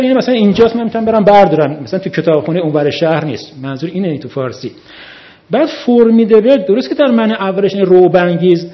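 High-voiced man giving a methodical critique. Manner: methodical, critical, talks through examples. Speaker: reviewer of a translated book. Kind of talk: critique at a panel. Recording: dull lo-fi recording.

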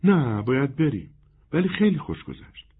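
A man voicing a gentle, melancholy wandering man in a soft, husky, resigned tone. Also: mid-range voice, sing-song, voice pushed up. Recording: narrow phone-like band.

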